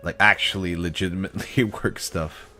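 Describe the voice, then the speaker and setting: A let's play host casually comments on a game while playing, reading its text aloud with filler and asides, his voice still recovering with a slight cough. He speaks low and steady at a moderate pace, with a bright, forceful tone over soft background music.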